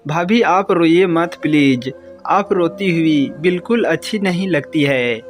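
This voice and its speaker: A man's voice: fairly high pitch, a little slow, natural voice. A man playing a humble young male house servant who speaks politely and with concern, over faint music.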